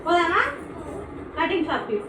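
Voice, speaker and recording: Young woman, coaxing sing-song to a child, high voice, echoey noisy home room. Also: lively intonation, normal speed. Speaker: vlogger mother. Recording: echoey room with background noise.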